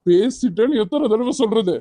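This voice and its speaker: A man's voice: a little high, fairly quick, mellow, no room sound, lightly acted. A man voicing an evasive young man who gets defensive and irritated when questioned, in a cartoon. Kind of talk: cartoon voice acting.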